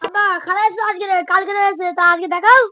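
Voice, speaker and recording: A woman's voice: very high-pitched, steady tone, fast talker, pushed and bright. A woman voicing a whiny, pleading child in an exaggerated comic cartoon, exclaiming and begging. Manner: whining, exclaiming.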